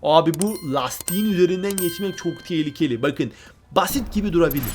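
Excitable man commentating a game. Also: a little high, a little fast, over music. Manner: excitable, repeats words when thrilled, addresses viewers as friends. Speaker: gameplay commentator.

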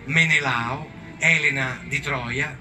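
A man's voice: medium pitch, fairly even intonation, takes it slowly, sharp tone. A man, a comedian, telling a comic story on an outdoor stage in a mock-solemn tone with crude asides. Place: outdoor evening event with a crowd. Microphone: handheld stage mic, filmed on a phone. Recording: phone video of an outdoor stage with music.

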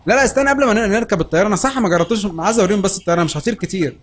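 Man, Egyptian Arabic accent, gaming commentary, high voice, rapid-fire talk, excitable. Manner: rapid, laughing, shouting in excitement. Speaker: gaming channel host.

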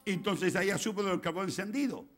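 High-pitched Chilean pastor preaching. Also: male voice, fairly quick. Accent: Chilean Spanish. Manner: swings from quiet asides to shouted preaching, acts out quoted prayers. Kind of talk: sermon. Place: church.

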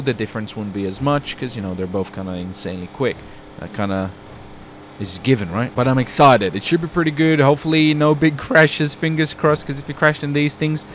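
A man's voice: fairly high pitch, a little hiss or hum. A young man from the UK chatting casually while roleplaying in a driving game, rambling and saying "dude" a lot. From United Kingdom. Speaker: roleplay streamer.

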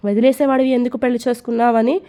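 A hurt young wife in a read-aloud romance story, pleading and tearful, as a woman voices her. Her voice sits fairly high, mellow and soft. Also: little pitch movement, rapid-fire, natural voice.

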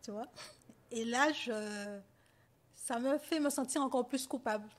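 A woman guest on a podcast giving a personal account, talking softly and haltingly with many pauses and fillers. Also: a little high. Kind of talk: personal testimony in conversation.

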